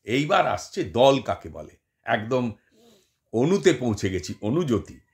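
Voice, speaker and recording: A man's voice: mid-range voice, sing-song, unhurried. A man giving a lecture, explaining step by step, repeating examples and asking his listeners rhetorical questions. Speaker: teacher. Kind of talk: lecture on Bengali poetic meter.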